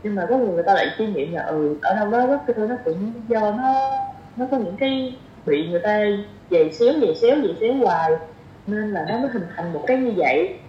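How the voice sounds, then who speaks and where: Faint music plays under this casual podcast conversation, where a young guest with a southern Vietnamese accent thinks out loud and circles back to the same phrases. She speaks fast at a medium pitch with lively intonation; the audio has a roomy echo, cut-off highs, and a little hiss or hum.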